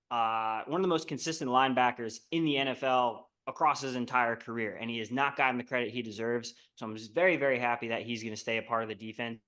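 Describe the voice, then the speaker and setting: A man's voice: mid-range voice, fairly bright tone. Casting: young male podcast co-host, keen sports-fan chatter, mid-range voice. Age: young adult. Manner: enthusiastic sports fan talk. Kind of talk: casual chat.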